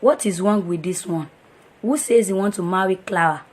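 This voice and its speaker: Man acting as young Nigerian womanizer, husky, boastful, mocking. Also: high-pitched, moderate pace. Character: careless young womanizing boyfriend. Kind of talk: film drama acting.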